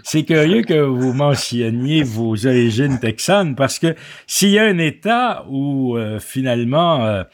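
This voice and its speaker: A man hosting a radio interview, measured and hesitant, with many fillers. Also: medium pitch, animated. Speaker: radio host.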